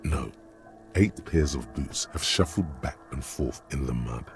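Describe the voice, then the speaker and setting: A man's voice: a bass voice, measured pace, vocal fry, music in the background, full character voice. A man voicing the dry, wry inner narrator of a detective video game. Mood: measured.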